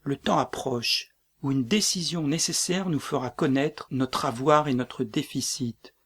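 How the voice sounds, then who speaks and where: A man reading the part of a noble war leader in a play, solemn and measured. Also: medium pitch, slightly rough.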